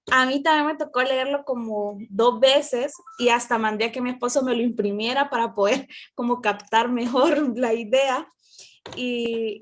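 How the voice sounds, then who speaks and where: A woman, talking in a rambling, casual way over a video call, full of fillers and restarts. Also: fairly high pitch. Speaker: Bible study group member. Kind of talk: casual group discussion.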